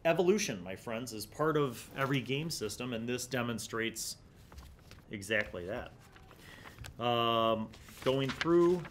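A middle-aged male host of a gaming magazine review series offers casual commentary, reading passages aloud from an article. His mid-pitched voice is a bit bright, picked up by a condenser mic on the desk in front of him. He's in a small indoor studio set with shelves, with slight background noise.

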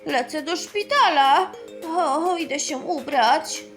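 A woman's voice: high-pitched, lively intonation, slow pace, fairly bright tone, soft background music, exaggerated voice. A woman voicing a young boy, a caring but awkward older brother who speaks hesitantly. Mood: concerned.

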